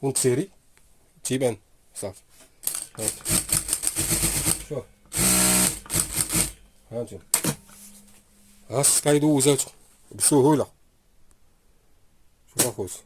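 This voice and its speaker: A man with a Moroccan Arabic accent speaks at a medium pitch, unhurried and pausing often, while demonstrating a sewing machine in his workshop. He chats to viewers as he sews, repeating "here you go brothers," in a casual product demo. The phone camera is held close while he works, and the background is noisy.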